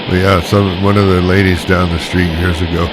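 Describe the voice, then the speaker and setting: Over CB radio with a noisy background, a man with a low, level-toned voice chats casually and wryly at a brisk pace, telling stories as a CB operator.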